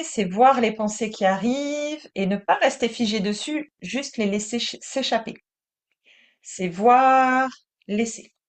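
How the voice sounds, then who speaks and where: A woman with a French accent teaching breathing and meditation in a calm, soothing manner. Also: on the high side. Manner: slow, calm, soothing delivery.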